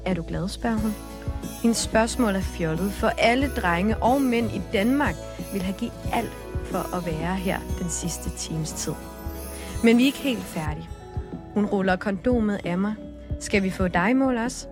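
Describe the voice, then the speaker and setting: A woman co-hosting a podcast, reading a story aloud at a steady, measured pace and chatting casually, with music underneath. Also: medium pitch. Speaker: podcast co-host and journalist. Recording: background music bed.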